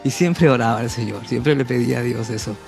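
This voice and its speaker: Earnest gravelly-voiced man telling testimony. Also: mid-range voice, a little fast, a little mellow, faint music behind. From Peru. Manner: earnest, emotional storytelling, reenacts his prayers. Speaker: guest sharing testimony.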